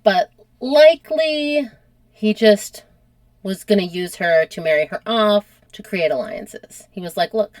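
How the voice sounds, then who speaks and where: A woman's voice: mid-range voice, unhurried, dry recording. Casual female podcast host, conversational history storyteller, dry close mic. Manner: chatty, animated, uses lots of "like".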